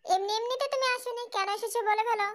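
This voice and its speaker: A woman's voice: extremely high pitch, fairly even intonation, fast talker, a little hiss or hum. A woman voicing a teasing, cocky young man who bosses others around, in an amateur comic dub. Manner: teasing and bossy.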